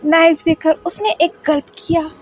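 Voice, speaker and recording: Woman storyteller, very high voice, brisk narration, faint music behind. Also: flat delivery, a little mellow. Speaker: fan fiction narrator.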